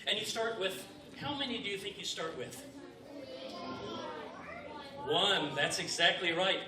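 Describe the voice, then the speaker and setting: Unhurried and expressive, a man with a high-pitched voice performs comedy juggling and magic for a live audience on stage. His patter is that of a playful kids party magician feigning befuddlement. It's recorded from far away, noisy and echoey.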